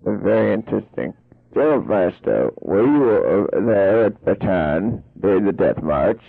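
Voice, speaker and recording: A mock radio interviewer, played by a man, with a very low, gravelly, husky voice that swings up and down as he runs through his broadcast patter. The sound is tinny and phone-like, with no room around it. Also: very animated, moderate pace, no room sound, full character voice. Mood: mock-serious. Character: droning male radio interviewer. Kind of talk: 1980s home-made comedy tape.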